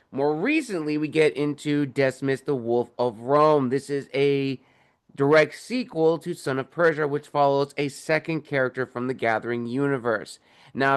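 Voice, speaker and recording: A man's voice: medium pitch, clean tone. A young adult man, an author being interviewed on a video call, talking about his books with enthusiasm and plenty of fillers. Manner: enthusiastic, explains at length with fillers. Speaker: author and podcast host, guest here. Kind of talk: casual interview talk.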